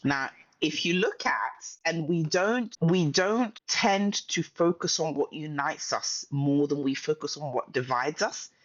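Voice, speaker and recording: A woman's voice: deep voice, unhurried, hardly any pauses, no room sound. A woman, a company founder and guest, talking earnestly and stressing points by repeating them. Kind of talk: casual interview chat. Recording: slightly dull lo-fi sound.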